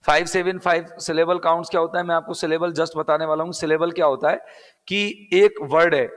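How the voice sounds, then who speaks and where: Male English tutor, Rajasthani Hindi accent, slightly high voice, repetitive question-and-answer teaching, long reverb. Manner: explains step by step, repeats key words, asks and answers own questions. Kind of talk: live online exam-prep class.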